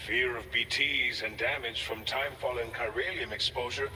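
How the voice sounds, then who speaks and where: An actor playing an earnest, grateful outpost staffer in a video game, speaking in a measured, formal way from a distance with reverb. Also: male voice, medium pitch, steady tone, bright, forceful tone. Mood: earnest, concerned. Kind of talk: scripted video game dialogue. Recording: distant, long reverb, faint noise.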